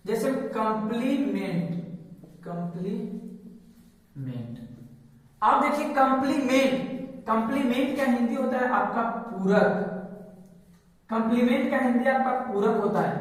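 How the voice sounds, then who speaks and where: A male teacher explains a grammar lesson step by step. He asks rhetorical questions and then answers them himself. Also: very high-pitched. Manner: repetitive, explains step by step with examples. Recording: echoey hall, mic far off.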